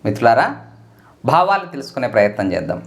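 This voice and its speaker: Slow, lilting devotional teacher. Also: very animated. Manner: sings each sacred name, then explains it slowly; chants in a high, melodic tone. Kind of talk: hymn chanting and explaining its meanings.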